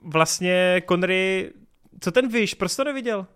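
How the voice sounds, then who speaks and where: A man from Czechia hosts a podcast and keeps the conversation moving with jokes and questions. His voice sits high for a man. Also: expressive, fairly bright tone, clear, resonant tone. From Czech Republic. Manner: joking, steers the talk. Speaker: podcast host. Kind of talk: casual chat.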